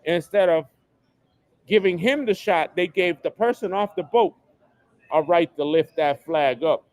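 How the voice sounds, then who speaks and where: In a ranting solo livestream monologue recorded at home in New York, a male host drives home the same phrases with insistent repetition. His voice sits high with a slightly mellow color, and his delivery is a bit slow. The sound is dry.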